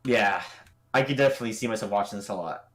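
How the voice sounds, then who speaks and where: A man's voice: on the low side, fast, a crowd in the background. A young man co-hosting a casual livestream, judging animation entries in a laid-back way, laughing often and restarting his sentences.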